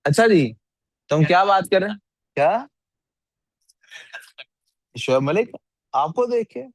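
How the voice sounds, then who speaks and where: A man's voice: high voice, lively intonation, unhurried, no echo. A male teacher giving a classroom lecture and often asking his students questions. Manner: asks the class frequent questions, scolds sleepy students.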